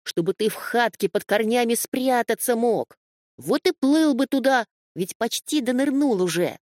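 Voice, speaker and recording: A woman doing a fussy, grumbling beaver in a children's story. He scolds with lively swings of pitch. The sound is close and dry. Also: a little slow, no echo. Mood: gruff. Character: gruff, fussy male beaver.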